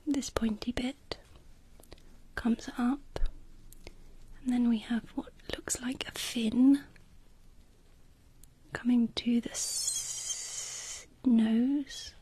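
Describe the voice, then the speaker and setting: A woman whispering an eye-exam ASMR roleplay in a soft, gently encouraging, deliberate manner with dry playful humor. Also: fairly high pitch, steady tone, breathy edge. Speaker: ASMR creator playing an eye examiner.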